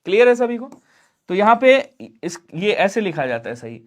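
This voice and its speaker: A man with a high-sitting voice and big pitch swings teaches an online exam-prep grammar lesson at a normal speed. He explains step by step, asks his students questions he answers himself, and urges viewers to like and subscribe.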